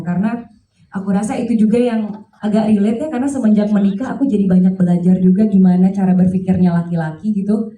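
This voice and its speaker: An actress answering at a press conference in a reflective, calm way. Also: female voice, mid-range voice. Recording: echoey room, distant mic.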